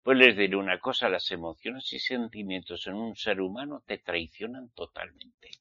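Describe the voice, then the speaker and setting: Heard through audio with no room sound and clipped highs, a man from Spain's Basque Country preaches at a moderate pace, his voice on the low side with a sharp tone. He speaks with a Spanish accent, scolding his audience fervently and asking them rhetorical questions.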